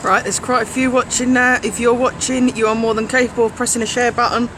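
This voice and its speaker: A man's voice: very high voice, little pitch movement, fast talker. A man co-hosting a casual livestream, urging viewers on emphatically and repeating words for stress. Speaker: livestream co-host. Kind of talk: casual live chat urging viewers to share. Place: outdoors on a London street. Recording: outdoor phone stream with street noise.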